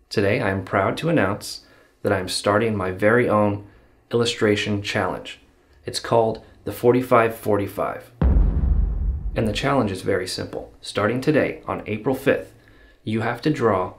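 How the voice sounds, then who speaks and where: Male illustrator, thirties, somewhat low voice, deadpan delivery of scripted host narration. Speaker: host, illustrator and comic artist. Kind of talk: scripted video narration to camera.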